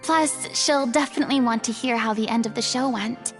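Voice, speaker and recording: A woman plays a proud young stage star with a high, theatrical voice who turns flustered and indignant. Soft music plays under her in the game cutscene. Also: brisk, natural voice. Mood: bright. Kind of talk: video game voice acting.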